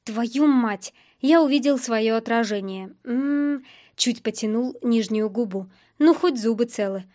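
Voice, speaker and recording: A woman reading a first-person novel aloud as an audiobook narrator, in steady, plain storytelling. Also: fairly high pitch, measured pace.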